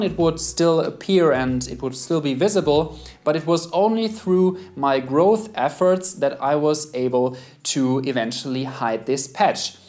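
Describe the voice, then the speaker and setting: A man's voice: on the high side, darkish tone. A man with a German accent, a guest beard expert giving methodical, earnest advice straight to camera. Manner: earnest, methodical, numbered tips.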